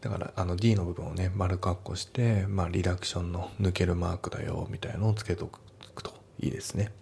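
A man teaching English in a relaxed, explanatory way, talking through a practice question with many fillers. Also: low-pitched, brisk, creaky, husky. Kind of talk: casual lesson walkthrough.

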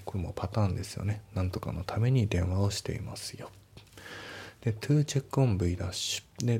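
A man explains English sentences in an easygoing, step-by-step way, reading each example slowly before breaking it down. His voice is deep and dark, with a gravelly, husky texture. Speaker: English teacher. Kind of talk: casual spoken lesson.

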